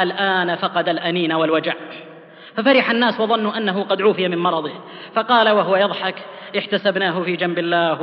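A man delivers a sermon in a rapid, fervent voice that sits high for a man. He sinks low and soft on the solemn phrases. The sound is dull and carries a long hall reverb. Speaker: preacher. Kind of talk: sermon with storytelling.

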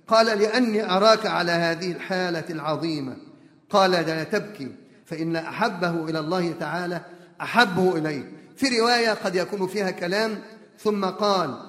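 A man's voice: high voice, fairly bright tone. A man preaching a sermon, telling stories of early Muslims and explaining each phrase, sometimes chanting verses. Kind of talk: sermon storytelling. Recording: echoey hall.

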